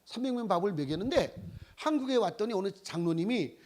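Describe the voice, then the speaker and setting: Animated man in his sixties preaching. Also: high-pitched, a little fast. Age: 60s. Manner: animated storytelling, exclaiming and laughing often. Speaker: missionary preacher. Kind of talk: sermon with personal stories.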